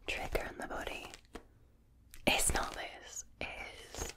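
A young woman hosting ASMR in a whisper, speaking intimately and affectionately to the listener, very close to the microphone. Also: a little slow. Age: young adult. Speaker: ASMR video host.

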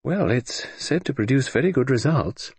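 A man's voice: medium pitch, lively intonation, normal speed, a little mellow, breathy edge, no room sound, voice pushed up. A man reading an audiobook, voicing a tactful young female companion who speaks politely and hesitantly.

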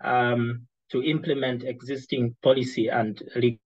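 A man giving a webinar presentation over a video call whose audio keeps breaking up, halting with many fillers. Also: mid-range voice, little pitch movement, darkish tone, muffled recording. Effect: choppy, breaking-up video call audio.

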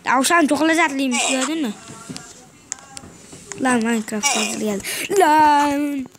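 A young woman streaming a game from her bedroom, excitable, with frustrated muttering and mild swearing. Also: sits high, a little slow, music in the background. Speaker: gaming channel host. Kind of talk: casual gameplay commentary. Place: bedroom at home.

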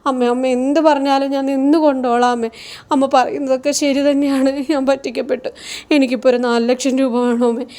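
A woman's voice: sits high, flat delivery, fast, mellow. A woman voicing a desperate young man begging his mother for help. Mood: pleading. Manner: pleading, whining. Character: desperate pleading young adult son.

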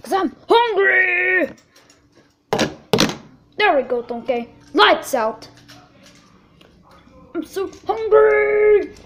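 A woman's voice: high-pitched, measured pace, long pauses, slight background noise. A woman playing a jumpy, childlike male ogre in a homemade role-play vlog, calling everyone donkey. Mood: playful. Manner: playful, calls everyone donkey. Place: outdoors at night, then indoors at home. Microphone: handheld video camera.

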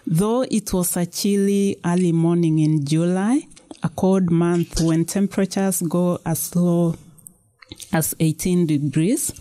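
A woman author reads aloud from her own novel, calm and measured. Her delivery is slow, her voice a touch low and soft, with a mellow, relaxed tone.

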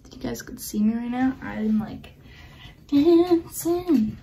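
A woman vlogging as she unboxes and sets up a new laptop, excitable and gasping, often dropping into whispered asides, recorded indoors by a camera on a tripod. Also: high-pitched, takes it slowly. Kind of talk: unboxing vlog narration.

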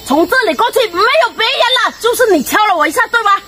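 A frantic woman, played by an actress, who accuses and shouts in a very high voice that swoops around. Music plays under the skit. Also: expressive, fast talker, exaggerated voice. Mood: suspicious. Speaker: robbery victim in a skit. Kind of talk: amateur comedy skit acting. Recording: background music over voice.

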